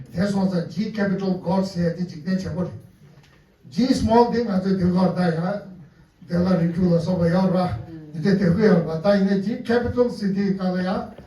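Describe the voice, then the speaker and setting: A man teaching a class with animated, emphatic delivery and sudden louder stresses. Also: sits high. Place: event hall. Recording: echoey hall, voice far from mic.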